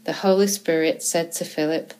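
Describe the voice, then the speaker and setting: Woman reading scripture in a low, measured voice. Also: low-quality recording. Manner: measured, even reading with small self-corrections. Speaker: scripture reader. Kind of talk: reading a Bible chapter aloud.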